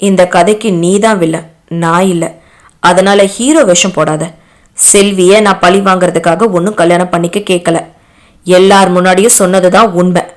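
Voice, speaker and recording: A woman's voice: fairly low pitch, close to an everyday voice. A woman voicing a young man who speaks harshly and scornfully.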